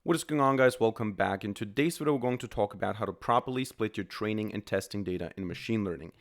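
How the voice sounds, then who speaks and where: A man's voice: on the low side, fast, faint music behind. A man with a cold, his voice a bit off, explaining step by step as he types code in a programming tutorial. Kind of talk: screen-recorded coding tutorial.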